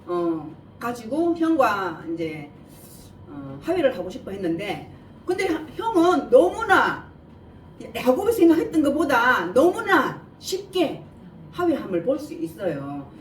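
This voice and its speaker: A high-pitched woman preaches a Bible message in a regional Korean dialect, going through scripture verse by verse at a measured pace. She is very animated, her articulation slightly imprecise with a lisp, and she poses rhetorical questions to listeners before answering them. The echoey room is captured by a distant mic with faint noise.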